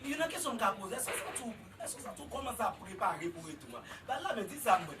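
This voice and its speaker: A man preaching a sermon in a church with a Haitian Creole accent, swinging from low murmurs to shouted exhortations. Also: big pitch swings, fast, recorded from a distance, noisy background.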